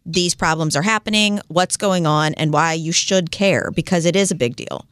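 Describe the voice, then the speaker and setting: A woman co-hosting a casual health show, explaining things in an agreeable way. Her voice is smooth and clear. The recording is dry and close. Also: fairly low pitch, normal speed, fairly bright tone, dry recording.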